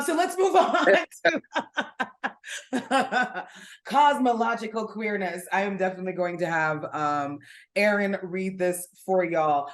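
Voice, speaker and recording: A woman's voice: on the high side, echoey room. A woman co-hosting a casual podcast, talking bluntly and animatedly and swearing freely. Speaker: podcast co-host. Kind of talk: casual chat.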